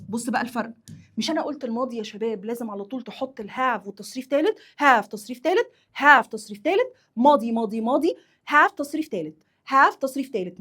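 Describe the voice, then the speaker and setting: A woman with an Egyptian Arabic accent teaching English grammar, who chants the rules over and over and acts out everyday scenes with sudden high exclamations. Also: slightly rough. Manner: repeats rules in drilled chant. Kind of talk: grammar lesson.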